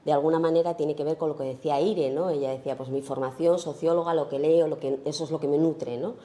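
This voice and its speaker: A woman from Spain speaks at a festival talk about her photography, feeling her way through each thought with frequent fillers and rhetorical tag questions. Her voice sits low and soft, with a dark, mellow tone. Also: fairly even intonation, quick pace. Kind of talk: informal lecture on her own work.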